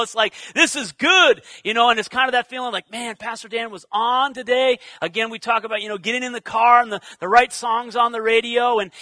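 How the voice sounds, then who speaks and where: A male pastor preaching a conversational sermon, acting out quoted lines with lively energy. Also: very high-pitched, no room sound. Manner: conversational, animated, acts out quotes.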